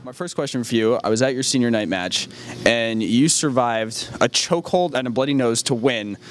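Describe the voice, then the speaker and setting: A man's voice: mid-range voice, normal speed, slight background noise. A teenage boy hosting a school news show, interviewing students with a handheld mic in a school building. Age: teens. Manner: upbeat, scripted introductions.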